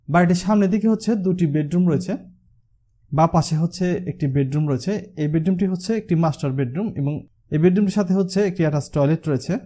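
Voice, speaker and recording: A man from Bangladesh talks quickly through the rooms of a house design, the way a designer explains his own plan. His voice sits a bit high but sounds mellow, and he keeps coming back to the same filler word. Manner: walkthrough explanation with the filler হচ্ছে used often.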